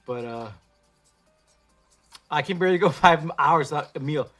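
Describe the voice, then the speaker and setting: A man hosting a casual livestream, talking in a profane, slangy and animated way into a phone. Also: a little high, normal speed, soft background music. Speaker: livestream host.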